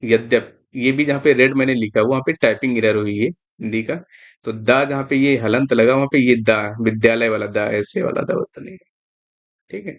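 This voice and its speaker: A man's voice: medium pitch, steady tone, normal speed, muffled recording. A man teaching exam spelling, going through words one by one and repeating that each one is important. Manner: repetitive, emphatic, stresses importance. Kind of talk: explaining spelling on screen.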